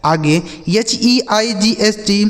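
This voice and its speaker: A man with a Hindi accent teaching English spelling, spelling out letters slowly and asking questions that he answers himself. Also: high-pitched, fairly bright tone, long reverb tail. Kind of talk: spelling lesson.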